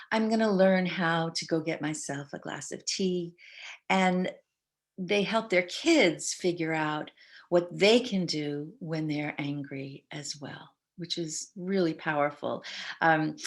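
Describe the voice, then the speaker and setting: An older woman speaking as a parenting educator on a video call webinar, talking in a conversational way and often quoting what parents and kids say. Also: sits low. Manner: warm conversational, quotes herself and others. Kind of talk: online parenting webinar talk.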